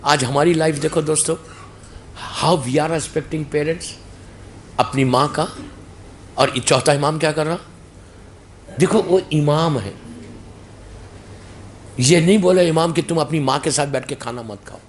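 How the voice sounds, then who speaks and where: A male preacher with a Mumbai Urdu accent, delivering a sermon and mixing in English, at times rising to loud, emphatic outbursts. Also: on the high side, long pauses, a little hiss or hum.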